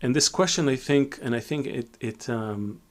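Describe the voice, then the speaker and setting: Middle-aged man from Israel, reflective teacher in a live Q&A, halting and full of restarts, mid-pitched voice. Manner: reflective, many fillers and restarts. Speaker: Kabbalah teacher. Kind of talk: live Q&A talk.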